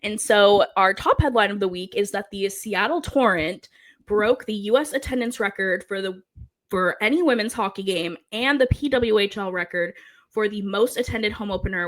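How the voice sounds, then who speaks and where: A woman's voice: medium pitch, fairly bright tone. A woman hosting a hockey podcast in a chatty, upbeat way, her voice worn from losing it. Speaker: podcast host. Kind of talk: casual podcast chat.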